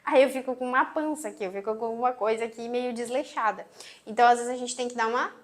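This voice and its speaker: A woman with a Brazilian accent and a sweet, gentle voice, teaching an online course lesson and closing her phrases firmly. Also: on the high side, fast talker. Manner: emphatic, closes phrases firmly. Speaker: marketing instructor. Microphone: phone on tripod.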